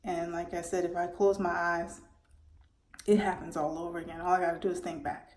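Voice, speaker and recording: A woman in her forties earnestly recounting a personal story, often halting and restarting her words. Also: fairly low pitch, flat delivery, a little mellow. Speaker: mother telling her birth story. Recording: roomy echo.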